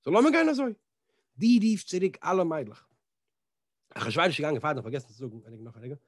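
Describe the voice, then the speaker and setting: A man teaching a Torah class as a rabbi, telling the story in an animated way, acting out the dialogue and mixing in English words. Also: a little high, fast talker, no room sound, clean studio sound. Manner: animated, acts out the dialogue in different voices.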